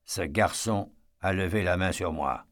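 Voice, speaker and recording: A man voicing a harsh, drunken old father who growls and shouts his words, with a gravelly voice. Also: low voice, measured pace, voice pushed down. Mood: growling. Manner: gruff, shouting and slurring when angry.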